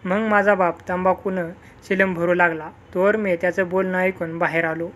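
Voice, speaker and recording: A storyteller reading a village folk tale in a calm, steady manner. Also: medium pitch, moderate pace, slight background noise. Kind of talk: storybook narration.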